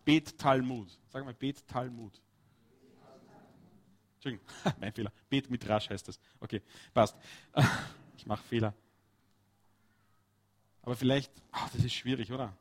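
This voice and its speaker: A man preaching a lively, chatty sermon, talking straight to his listeners with quick asides. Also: medium pitch, slightly rough.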